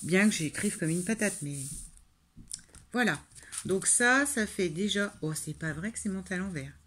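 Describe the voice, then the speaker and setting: A woman's voice: mid-range voice, lively intonation, moderate pace, a bit bright, a little hiss or hum. A woman from France chatting through a card-making tutorial, rambling and self-deprecating, with lots of fillers. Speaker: crafting tutorial host. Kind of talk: casual talk-through while making a card.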